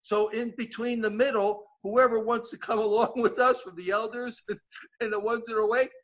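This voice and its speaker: A man's voice: very high voice, level tone, a little fast. A man with an East Coast American accent, chatting casually as a guest and rambling through many restarts. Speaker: guest giving updates. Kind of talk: casual chat.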